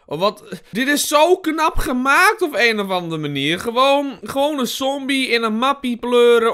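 High, bright, jumpy young man gaming. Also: clear, resonant tone. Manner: jumpy, yelps and shouts at scares, swears, laughs nervously. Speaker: gaming YouTuber. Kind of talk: horror game let's play commentary.

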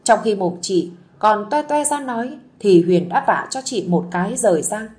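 A woman narrating a village story in a gentle, soothing way. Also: medium pitch, lively intonation, normal speed.

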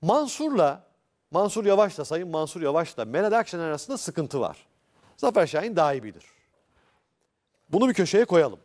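A man arguing as a journalist on a heated TV panel, insistent and quick to interrupt. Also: on the high side, sing-song, a little mellow.

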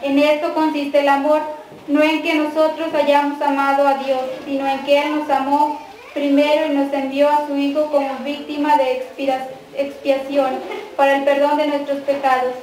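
Mexican woman, prayer leader at a mass; steady liturgical recitation, very reverberant distant church sound. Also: sits high. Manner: measured, even recitation leading responses. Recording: echoey church from far off, faint noise.

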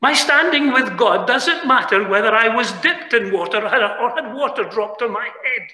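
High bright British preacher in echoey chapel. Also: male voice, lively intonation, normal speed. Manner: earnest pleading, swinging between quiet asides and raised emphatic lines. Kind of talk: sermon. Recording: echoey chapel with long reverb.

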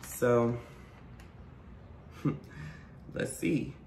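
Man, casual food vlog, slow unhurried speech, excitable, swears, roomy echo, faint hum. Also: mid-range voice, gravelly. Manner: excitable, swearing, nervous laughs. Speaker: vlogger. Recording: echoey room with faint background hum.

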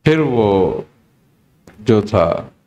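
A man, a spiritual teacher, telling a story in a relaxed conversational talk and acting out the quoted dialogue. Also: fairly low pitch, highs cut off. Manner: unhurried, recounting with quoted dialogue.

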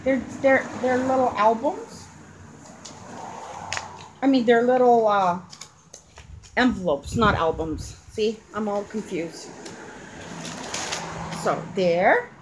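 Slow, gentle woman gushing softly. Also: on the high side. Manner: gentle, coaxing, gushing over details. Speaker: crafting channel host. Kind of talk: casual unboxing chat with a child. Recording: clear background noise.

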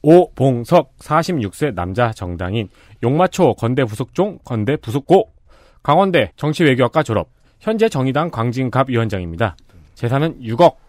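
A man with a mid-pitched, very animated voice runs through the profiles, adding light quips. The studio sound is dry. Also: moderate pace, dry recording. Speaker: co-host presenting candidate profiles. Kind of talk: briefing-style chat.

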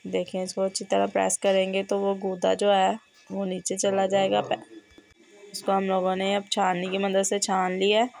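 Speaking at normal speed in a mid-range voice, a woman hosts a home cooking tutorial as a cooking channel host. Though hoarse and feverish, she gives steady instructions step by step in her kitchen.

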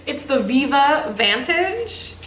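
A woman's voice: high-pitched, a bit bright. A young woman hosting a cooking vlog with a friend, chatting playfully and giggling while tipsy. She is recorded in a small home kitchen by a fixed camera across the room. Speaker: vlog host. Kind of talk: casual cooking chat. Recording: echoey kitchen with background noise.

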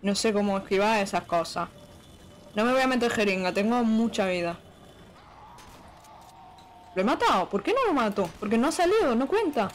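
A woman, giving excitable let's-play commentary on a horror game and chanting repeated words. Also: a little high, normal speed, pauses often, a little hiss or hum. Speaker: gaming YouTuber.

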